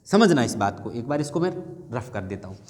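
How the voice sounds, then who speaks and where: Echoey Hindi teacher drilling terms slowly. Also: male voice, on the low side, lively intonation, a little mellow. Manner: repeats key terms slowly, asks and answers his own questions. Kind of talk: classroom lecture for exam prep.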